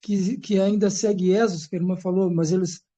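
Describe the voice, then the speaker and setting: A man asking a question in a live-stream church Q&A, halting and restarting his sentences often. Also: high-pitched, fairly even intonation, dark tone.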